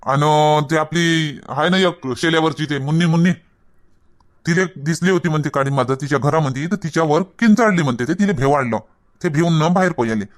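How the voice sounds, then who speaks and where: A man with a Varhadi Marathi accent, playing a blunt, gruff husband in a village comedy skit. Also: a little high, brisk. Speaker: husband and father in a comedy sketch. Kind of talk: scripted comedy skit dialogue.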